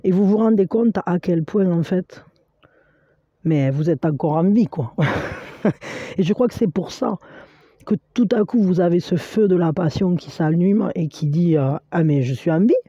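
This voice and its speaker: A woman gives a spiritual tarot card reading, addressing the viewer directly in an encouraging but halting way, full of fillers and restarts. Her lowish voice is warm and husky, and the dry recording has its highs cut off.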